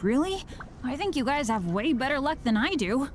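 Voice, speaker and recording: Boyish, earnest young adventurer. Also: female voice, high-pitched, big pitch swings, normal speed, over music. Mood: eager, hopeful. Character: earnest, unlucky, upbeat teenage boy adventurer. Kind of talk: anime-style video game voice acting.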